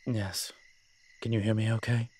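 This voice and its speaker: In a roleplay audio drama, a man voices a smooth-talking, roguish incubus demon who is playful and scheming, speaking in a sly, teasing, conversational way that sounds playful and confident. His voice is fairly low and darkish with a breathy edge, delivered flatly at normal speed.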